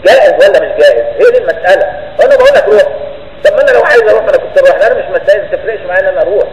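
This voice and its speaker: In an echoey room with a long reverb tail, a male religious teacher with an Egyptian Arabic accent races through a colloquial lesson. His high voice swings widely in pitch, and he keeps checking that listeners understood. The audio is poor.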